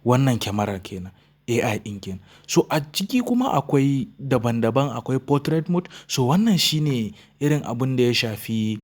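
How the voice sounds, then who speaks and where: A male tech reviewer with a Nigerian Hausa accent. He presents an unboxing as a channel host, walking viewers through a product. His voice sits at a middle pitch. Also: very animated, fairly quick. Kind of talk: phone unboxing and review narration.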